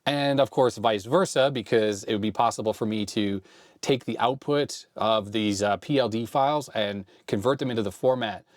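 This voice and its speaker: The host of a retro computer channel talks through on-screen material in a casual tech vlog, musing aloud and second-guessing himself. He is a bit ill and losing his voice, which is fairly low and at normal speed, captured in clean, echo-free studio sound.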